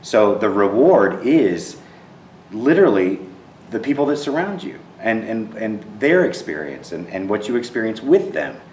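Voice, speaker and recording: A Texas-born theater director in his thirties answers interview questions earnestly, often repeating words as he searches for them. His voice is on the low side, slightly mellow and very animated, at a moderate pace. The sound is roomy and distant in an empty theater auditorium, with a little hiss or hum.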